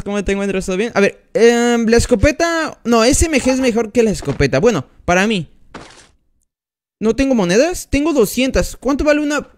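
A man commenting on his mobile gameplay during a live stream, chatting and greeting each viewer by name as he plays. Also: high-pitched. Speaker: gaming streamer.

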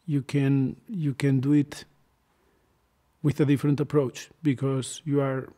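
A middle-aged climate scientist with a very dark, mellow voice talks in a measured, thoughtful way. He is giving a documentary interview in a large hall. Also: medium pitch, flat delivery.

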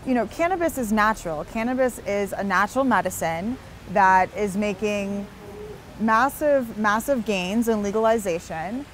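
A woman's voice: medium pitch, normal speed, a little hiss or hum. A young woman being interviewed outdoors on a busy street, talking earnestly and at length, with frequent restarts. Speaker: interview guest.

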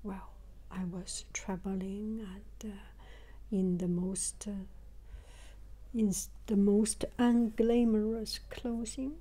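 An older woman narrates a reflective travel vlog in a breathy, whispery voice, speaking haltingly and repeating phrases while searching for words. Her voice is mid-range and mellow, with little pitch movement.

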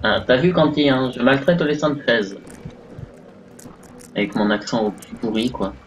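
A gaming streamer gives casual live let's-play commentary on a horror game, thinking aloud with lots of fillers. His voice is medium-pitched with lively intonation and a moderate pace. The recording is poor, captured from a distance with a little hiss or hum.

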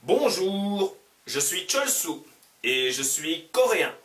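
A man voicing a young Korean student who works as a waiter, in a slow, carefully spoken textbook dialogue. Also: high voice, sing-song, fairly bright tone, roomy sound, distant mic, full character voice. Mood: curious.

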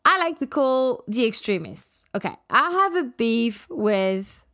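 High-voiced woman podcaster with w-like R's. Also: very animated, unhurried, a bit bright. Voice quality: cannot say English R's properly, sounding close to w. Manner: emphatic, playful, blunt, repeats words for emphasis. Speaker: podcast host and women's health coach. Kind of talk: podcast monologue, addressing listeners directly.

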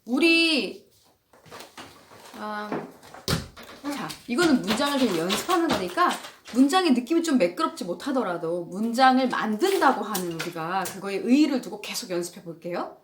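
A woman's voice: mid-range voice, big pitch swings, moderate pace, noisy background. A woman in her thirties teaching an English lesson, patiently repeating drill sentences. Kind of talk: casual home English lesson.

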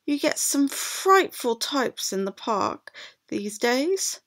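A woman's voice: high voice, big pitch swings, slow pace, a bit bright, exaggerated voice. A woman voicing a snobbish, bossy, fussy mother in a storybook, haughty and exclamatory. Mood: indignant, alarmed. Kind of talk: storybook read-aloud.

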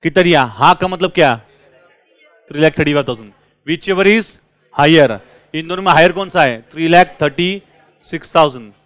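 A man teaching a class, lively and drilling his students with repeated questions. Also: on the high side, moderate pace, pauses often, no room sound. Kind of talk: classroom lecture.

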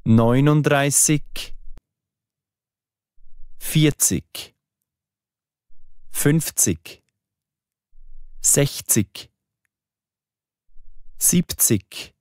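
A man reading a language lesson aloud, enunciating each word clearly and carefully for learners. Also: mid-range voice, dry recording. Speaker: language teacher narrator. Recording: dry studio voice-over.

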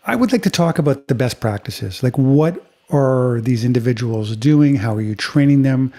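A man's voice: mid-range voice, expressive, normal speed, dark tone. A middle-aged man hosting a casual podcast interview from a home studio, asking long, eager, rambling questions. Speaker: podcast host. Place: home studio room with shelves. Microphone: studio mic on boom arm.

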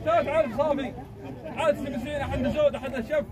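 A man with a Najdi Saudi Bedouin-style accent working as a livestock auctioneer, loudly calling and repeating bids in a chant. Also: extremely high pitch, very fast. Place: outdoor livestock pen at night, crowd of men behind. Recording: outdoor market recording with loud crowd.

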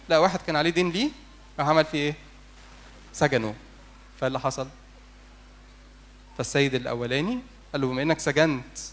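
A man with an Egyptian Arabic accent, a priest preaching a sermon in church, pleading and putting rhetorical questions to his listeners. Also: fairly high pitch. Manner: urgent, pleading, asks the congregation rhetorical questions.

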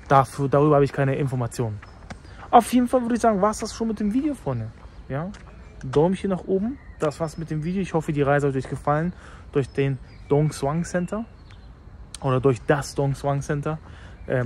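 A man's voice: medium pitch, a little mellow. A man vlogging outdoors by a market hall, talking in a hyped, slangy way and repeating himself. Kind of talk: casual vlog commentary. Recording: street noise outdoors.

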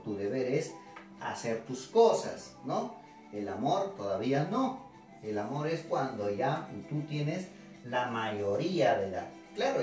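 Animated male teacher in an echoey room. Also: medium pitch. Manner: chatty, constantly asks rhetorical questions with tag '¿no?'; addresses students directly, playful and teasing. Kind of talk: classroom literature lecture to students. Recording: very echoey room, distant mic, faint music.

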